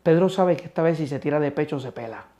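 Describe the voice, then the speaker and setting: A man preaching through a Bible lesson in a slightly high voice. He swings from forceful emphasis down to hushed, almost whispered words. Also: quick pace. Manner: expressive, swings between loud emphasis and soft near-whispers. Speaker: Bible teacher.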